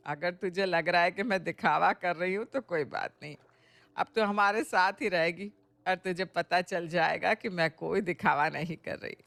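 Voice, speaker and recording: A woman's voice: fairly low pitch, moderate pace, creaky, no echo. A woman playing a kind, motherly mother-in-law. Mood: affectionate. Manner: gentle, coaxing, motherly. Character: kind, caring middle-aged mother-in-law. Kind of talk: audio storybook acting.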